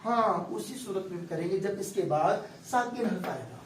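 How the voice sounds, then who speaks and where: A male recitation teacher with a high, lively voice delivers a patient classroom lecture, walking through each step and frequently making sure his students are keeping up. The room is echoey, the mic sits at a distance, and a faint hum runs underneath.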